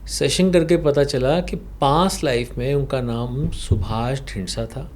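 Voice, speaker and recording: Punjabi guy telling a client story on a podcast, slow and explainy, mid pitch, bit of background hiss. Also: darkish tone. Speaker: past life regression therapist. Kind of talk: podcast interview, recounting a client session.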